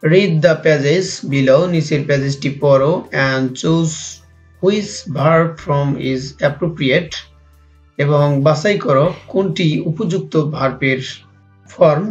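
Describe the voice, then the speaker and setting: Bangladeshi-accented male teacher reading aloud. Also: on the high side. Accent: Bangladeshi English. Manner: reads English slowly, then translates fast into Bangla. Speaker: English teacher. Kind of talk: textbook lesson reading with Bangla translation. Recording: muffled lo-fi audio with faint music.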